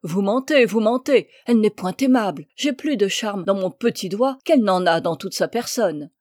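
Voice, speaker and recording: Woman reads a scornful ugly old duchess, storybook, mellow dry sound. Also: medium pitch, animated, moderate pace, dry recording, close to an everyday voice. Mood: indignant.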